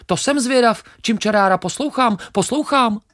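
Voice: medium pitch, fairly bright tone, voice pushed up, natural voice. A reader voicing a small, boastful male sparrow in a children's story, who chirps a nonsense refrain and repeats himself. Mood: chirpy.

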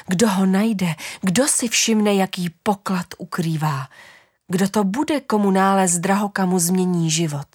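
Gentle woman storyteller, dry close sound. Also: lowish voice, dry recording. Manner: gentle, slow, often drops into a whisper. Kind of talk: storybook narration.

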